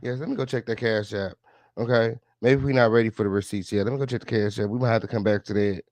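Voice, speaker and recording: A man's voice: lowish voice, steady tone, quick pace, a little mellow, dry recording. Male gossip stream host, dry close sound, smug sarcastic exposé tone, sassy repeated catchphrases. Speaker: livestream host reacting to clips. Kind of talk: casual gossip livestream commentary.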